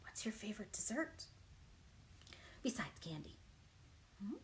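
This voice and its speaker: Speaking in a whisper, this woman has a mid-range voice with big pitch swings and a slightly slow pace. As a children's librarian, she reads aloud and chats at storytime, exaggerated and encouraging, questioning her young audience.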